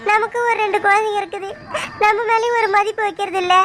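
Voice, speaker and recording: A woman's voice: extremely high pitch, steady tone, fast, fairly bright tone, a little hiss or hum. A woman voicing a young village wife who pleads with her husband in a tearful, complaining voice. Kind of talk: cartoon voice acting.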